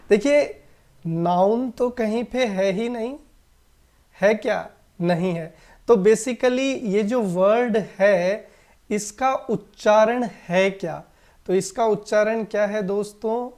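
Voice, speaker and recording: A man's voice: high voice, darkish tone. A man teaching in a video lesson. He asks the viewers questions and answers them himself, and he repeats words carefully to drill them. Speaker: English teacher. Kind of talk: classroom-style video lesson.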